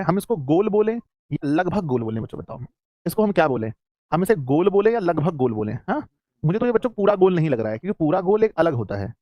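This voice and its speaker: A man's voice: a little high, a little mellow, no room sound, clean studio sound. A man teaching a school class online in Hindi, who calls his students "children" and keeps asking questions that he answers himself.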